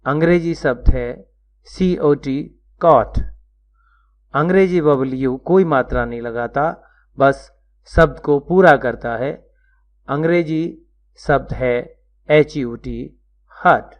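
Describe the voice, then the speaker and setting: Slow, measured man explaining pronunciation. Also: mid-range voice. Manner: slow, measured, spelling out letters one by one. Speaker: teacher. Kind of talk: scripted lecture narration. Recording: dull lo-fi recording.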